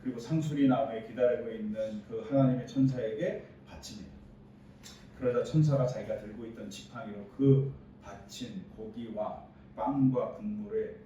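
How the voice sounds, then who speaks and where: Distant pastor preaching in a roomy church. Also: male voice, lowish voice, dark tone, slight background noise. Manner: explaining scripture with quoted dialogue, rising emphasis. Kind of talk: sermon. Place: church sanctuary. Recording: distant roomy church recording, dull sound.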